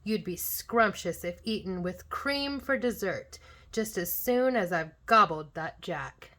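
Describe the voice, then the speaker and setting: A woman voicing a grumpy, hungry male giant from a children's storybook, chanting loudly and relishing rhymed threats. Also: medium pitch, animated, takes it slowly. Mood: loud, gloating.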